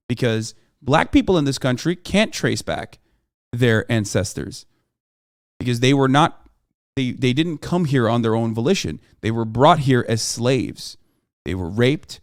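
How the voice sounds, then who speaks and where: Lecturing his chat on a live stream, a man from Turkey explains his view with emphasis, dropping swear words and repeated "okay?" check-ins. The voice is medium-pitched, and the recording is studio quality with no room sound.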